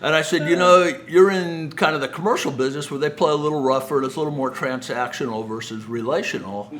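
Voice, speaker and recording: A middle-aged home builder fires off folksy business stories, often acting out quoted lines, at a fast clip in a fairly high, slightly bright voice. The audio quality is poor.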